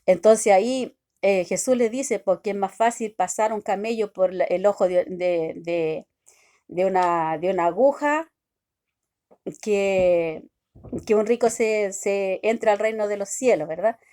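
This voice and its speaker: A woman preacher with a warm, mid-range voice gives a devotional sermon. She speaks haltingly, restarting often and constantly tagging questions onto her remarks to her listeners.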